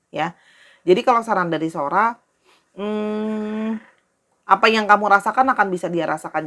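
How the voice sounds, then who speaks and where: A woman's voice: on the low side, fairly bright tone. A woman doing a casual tarot reading, talking straight to her viewers in a friendly, repetitive way. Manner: friendly, talks directly to viewers, repeats herself. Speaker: tarot reader.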